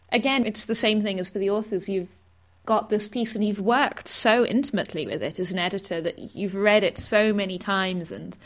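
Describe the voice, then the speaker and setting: Woman editor on a podcast, mid pitch, easygoing, explains stuff. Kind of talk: casual podcast chat.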